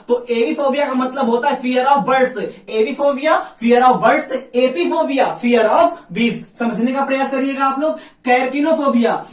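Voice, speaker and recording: A man's voice: very high-pitched, echoey room, recorded from a distance. A male teacher leading an exam-prep vocabulary lesson, drilling words by repeating them and checking whether the class has understood.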